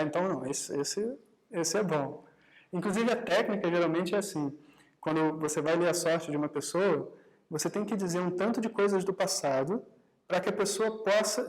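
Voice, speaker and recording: A man's voice: high-pitched, low-quality recording. A man teaching a live meditation workshop in a conversational way, often checking in with the audience and acting out short exchanges. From Brazil. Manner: conversational, often adds tag questions to the audience; acts out quoted dialogue in his own talk.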